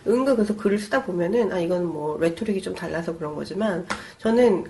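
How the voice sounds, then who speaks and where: A woman's voice: fairly low pitch, lively intonation, quick pace, dark tone, a little hiss or hum. A woman co-hosting a casual educational talk show, often chiming in with agreement and steering the conversation between segments. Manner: frequent agreeing interjections, leads the segments. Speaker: podcast co-host.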